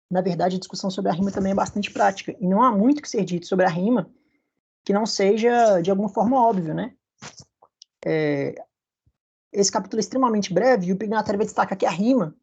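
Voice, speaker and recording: A man with a high, slightly rough, somewhat mellow voice and some vocal fry, with a Brazilian Portuguese accent, is heard in a recorded university lecture over slides. His explanations are patient, and he often pauses to check on his students.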